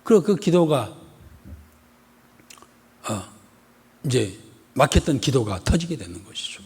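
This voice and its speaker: A husky, animated pastor preaching in a church with long reverb. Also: male voice, medium pitch, a little slow. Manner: animated, rhetorical questions to the congregation, acts out a scolding mother. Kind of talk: expository sermon. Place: church sanctuary.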